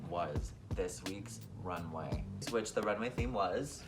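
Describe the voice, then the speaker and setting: Campy male drag queen co-host, lively and foul-mouthed, music bed underneath. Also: low-pitched, takes it slowly. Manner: campy, animated, swears freely. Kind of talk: casual chat reviewing a TV show.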